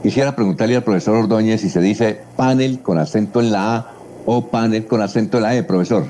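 Male radio host, low and mellow, reads listener questions, faint noise. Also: quick pace. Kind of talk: radio show hosting.

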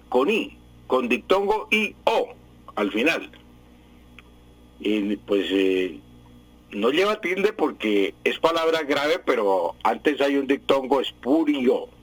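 A man's voice: mid-range voice, a bit bright, breathy edge, no echo, rough recording. A man explaining word spelling and meaning to radio listeners in a patient, explanatory way with many fillers. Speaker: language expert answering listeners.

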